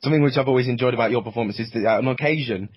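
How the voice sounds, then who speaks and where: A man's voice: mid-range voice, breathy edge, dry recording. A young man, writer and producer of an audio drama, talking in a casual interview with many restarts. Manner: halting, full of restarts. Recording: dull, dry lo-fi sound.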